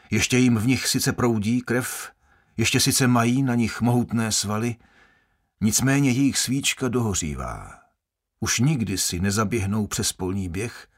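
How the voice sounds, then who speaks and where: A man reading a first-person audiobook in a measured, grave storytelling manner. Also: on the low side. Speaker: audiobook narrator.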